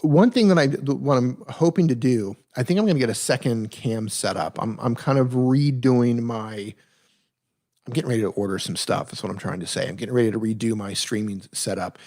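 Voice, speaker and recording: A man with a mid-range, darkish voice and a slightly fast delivery runs a live-stream Q&A. He reads viewer questions aloud and answers them in a relaxed, chatty way, offering plain, direct advice and often correcting himself mid-sentence.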